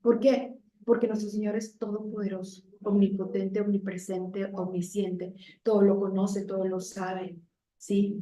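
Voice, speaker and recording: A woman's voice: mid-range voice, dark tone. A woman giving an impassioned religious testimony, pleading and asking rhetorical questions. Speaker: lay preacher. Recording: echoey room.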